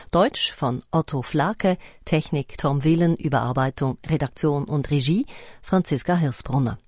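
A woman reading radio credits and announcements in a calm, measured way. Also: sits low, no echo, studio quality. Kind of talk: scripted announcement.

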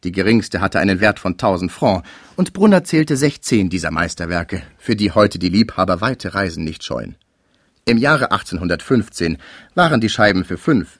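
A man narrates a classic novel with a lower voice and a very animated, rising and falling delivery. The recording is close and completely dry, with no room around him. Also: no room sound. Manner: measured, expressive literary reading. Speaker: audiobook narrator.

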